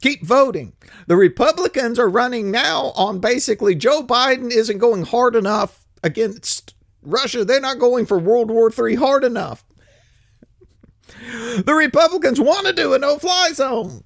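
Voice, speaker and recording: A man's voice: extremely high pitch, lively intonation, a little slow, vocal fry, no room sound, studio quality. A man giving a rambling, sarcastic political monologue as the show's host, chuckling to himself and drifting between points. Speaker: political commentator.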